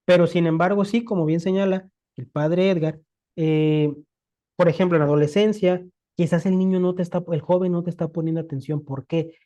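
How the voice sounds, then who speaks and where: Very dark-voiced Mexican Spanish lecturer. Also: mid-range voice, steady tone, a little fast. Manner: explains with rhetorical questions and everyday examples. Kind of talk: conversational lecture. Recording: dull lo-fi recording.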